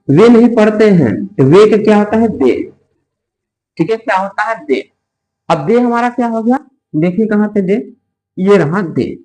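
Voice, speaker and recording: A man teaching a grammar lesson, asking questions and answering them himself, slowly spelling out example sentences. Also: a little high, mellow, rough recording. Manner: asks and answers his own questions, drawn-out example sentences. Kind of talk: Hindi-medium grammar lesson.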